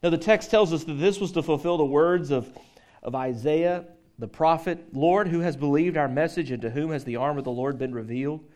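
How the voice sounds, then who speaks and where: A male pastor delivers a sermon in a loose, conversational way, joking with the people in front of him. His voice sits a little high for a man. He also reads scripture aloud. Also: a little fast, a little mellow. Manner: conversational, joking with the congregation, frequent restarts.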